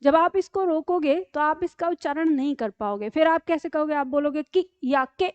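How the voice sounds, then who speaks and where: A woman's voice: high voice, fairly quick, dry recording, lo-fi sound. A woman teacher giving an online grammar lesson, explaining step by step and often checking with her students. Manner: patient, explains step by step with frequent "ठीक है?" checks. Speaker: Hindi teacher.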